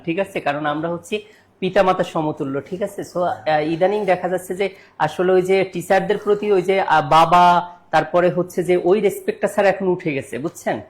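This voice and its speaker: Rambling Bangladeshi male co-teacher. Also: high voice. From Barishal, Bangladesh. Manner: chatty, rambling, with frequent fillers.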